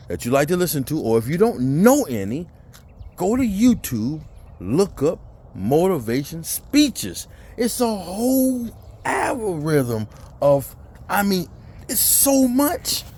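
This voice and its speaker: A man's voice: medium pitch, darkish tone. Blunt preachy man giving tough-love advice. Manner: blunt, preachy, cursing, mimics lazy complainers. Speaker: motivational vlogger. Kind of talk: blunt motivational rant.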